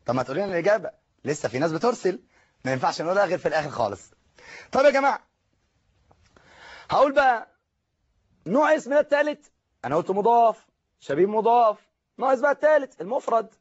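A man's voice: high-pitched, big pitch swings, fast, pauses often, slightly rough, highs cut off. A man with an Egyptian Arabic accent teaching a live online grammar lesson, explaining step by step and asking and answering his own questions.

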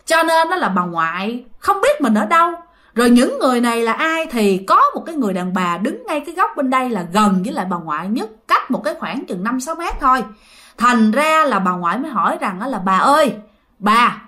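A woman with a Southern Vietnamese accent tells a ghost story in a chatty way, turning to her listeners often. Her voice is high and bright, with lively swings of pitch. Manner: chatty, addresses listeners directly.

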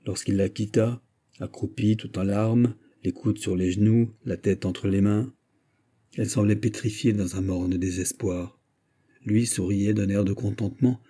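A man reading a literary story aloud in a measured, steady audiobook narration with a husky voice. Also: on the low side. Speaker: audiobook reader.

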